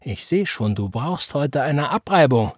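A big, strong teenage boy, as a male narrator puts him on, loud and mockingly bossy with mock threats. The voice is lifted above the reader's own, a little husky and very dry. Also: medium pitch, very animated, measured pace, no echo, voice pushed up. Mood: mock scolding. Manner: teasing mock threats, raised voice.

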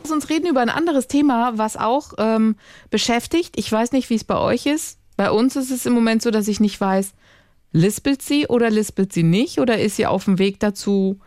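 A woman's voice: on the high side, normal speed, a little mellow, no room sound. Woman telling parenting stories, dry sound. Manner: storytelling, acts out quoted voices. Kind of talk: casual chat.

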